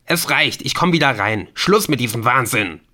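A man's voice: medium pitch, lively intonation, normal speed, pushed and bright. A man voicing a panicky, scheming middle-aged businessman who shrieks when cornered. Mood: panicked.

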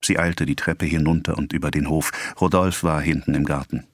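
Man reading a novel audiobook, really deep voice, dry close mic. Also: steady tone, fairly quick, dry recording. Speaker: audiobook narrator. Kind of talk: scripted narration of a novel.

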